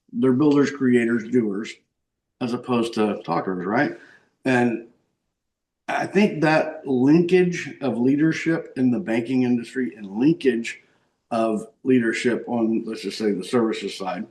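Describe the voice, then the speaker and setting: A man's voice: mid-range voice, darkish tone, far from the mic, rough recording. A man co-hosting a podcast, talking casually in an emphatic, enthusiastic, rambling way. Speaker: podcast co-host. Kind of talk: casual conversational chat.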